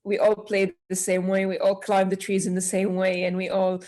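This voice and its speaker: A woman's voice: medium pitch, completely flat delivery, normal speed, darkish tone. A woman from Syria, a children's author, answering interview questions earnestly and with passion, with small restarts.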